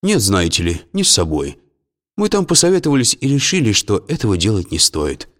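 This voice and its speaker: A man doing a sly, unhurried businessman with a deep voice. He stays affable and unruffled, with a faint mocking edge. His pitch moves freely as he talks. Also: wildly swooping pitch, fairly bright tone. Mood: calm, sly. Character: calm, sly male businessman, smooth-talking.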